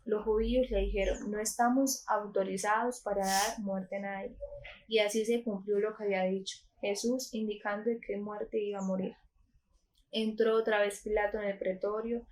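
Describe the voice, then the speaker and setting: Woman calmly reading scripture aloud. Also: medium pitch, rough recording. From Colombia. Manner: calm, measured reading with small slips and restarts. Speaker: scripture reader. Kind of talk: reading a Gospel passage aloud.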